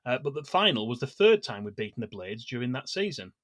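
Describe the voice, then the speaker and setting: A man co-hosting a fan podcast, reading his notes in an even, measured way. His voice sits in a middle register and the sound is dry and close, with no room around it. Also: mid-range voice, no echo. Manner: measured, steady delivery of scripted match history with small hesitations. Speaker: podcast co-host.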